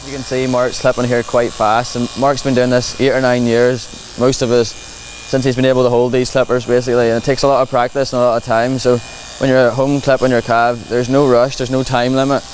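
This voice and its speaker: With a Northern Irish accent, this man commentates on his livestock clipping demonstration, keeping the explanation simple, practical, and reassuring. His medium-pitched voice has little pitch movement and runs a little fast, with hardly any pauses. The recording is rough, with distinct clipper and machinery buzzing.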